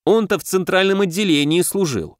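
A man's voice: high voice, brisk, no room sound, clean studio sound, voice pushed up, close to an everyday voice. A man voicing a lazy, sly dwarf clerk in an audiobook, drawling and mocking. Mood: teasing.

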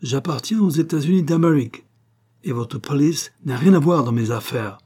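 Man doing a terse, indignant American gentleman, heavy English accent, pitched up and louder, husky. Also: lively intonation, normal speed. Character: stiff, irritable American gentleman, middle-aged.

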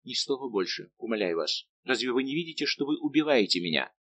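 A man's voice: mid-range voice, big pitch swings, quick pace, fairly bright tone, no echo. A man reading as a desperate young woman in love. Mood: impassioned. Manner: impassioned, pleading.

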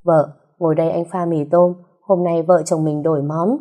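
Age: young adult man. Figure: a woman voicing a protective young husband. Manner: gentle, reassuring. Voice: low, mellow. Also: fairly even intonation, moderate pace, natural voice. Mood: urgent.

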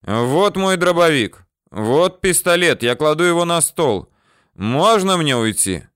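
A cowardly bandit begging to be spared, as a male reader acts him out, his pleas pitched high and yelled in a panic. The slow, smooth reading sounds close and dry. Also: very animated, no room sound. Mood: pleading. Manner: high panicky pleading shouts. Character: cowardly young bandit, man, pleading.

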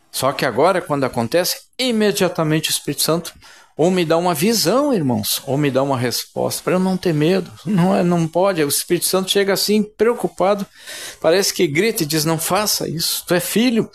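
A man preaching a sermon in a fervent, emphatic way, often addressing his listeners as brothers. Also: on the high side.

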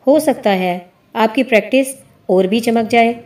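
A woman's voice: a little high, a little mellow, lightly acted. A woman reading the lines of a light-hearted male friend who jokes easily. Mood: joking. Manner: joking.

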